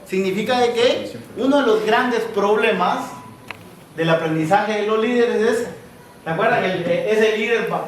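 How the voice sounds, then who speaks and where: A man, giving a lively talk to students, often asking the room questions and acting out small scenes. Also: sits high, recorded from a distance, slight background noise. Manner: asks the audience constant questions; acts out both sides of little scenes. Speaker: speaker at a university talk. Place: large hall with audience. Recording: echoey lecture hall, voice heard from afar.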